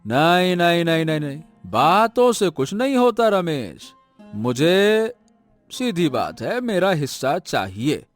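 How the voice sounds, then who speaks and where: A man voicing a greedy, stubborn elder son in an animated story, talking brusquely and waving others off. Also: a little high, slow, faint music behind. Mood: scornful. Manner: brusque, dismissive, repeats "no, no".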